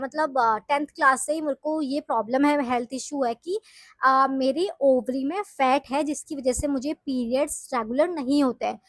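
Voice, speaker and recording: Chatting confessionally to her viewers, this young vlogger from the Uttarakhand hills of northern India shares her story as casual storytelling to camera. She has a high, slightly bright voice, captured at studio quality without any room sound.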